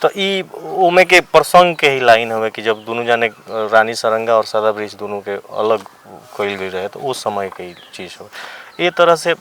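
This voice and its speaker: A man's voice: fairly low pitch, expressive, moderate pace, fairly bright tone, slight background noise. A young man with a Bhojpuri accent, a writer being interviewed, earnestly explaining folk song lyrics and his plans. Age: young adult. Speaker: guest writer and folk singer. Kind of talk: interview talk with sung folk verses.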